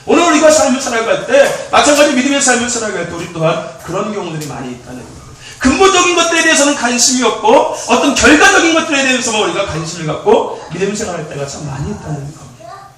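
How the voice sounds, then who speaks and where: Male pastor, lively sermon delivery with shouted peaks; sharp tone, roomy distant church sound. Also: very high voice, quick pace. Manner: animated preaching, rising to shouts, acting out prayers. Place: church sanctuary. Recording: echoey church hall, mic far off.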